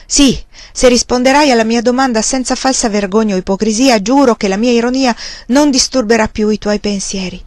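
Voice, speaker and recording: A woman's voice: a little high, brisk, a little mellow, dry recording, natural voice. A woman reading the lines of a cynical, tormented young man who presses with bitter irony, in a dry close recording.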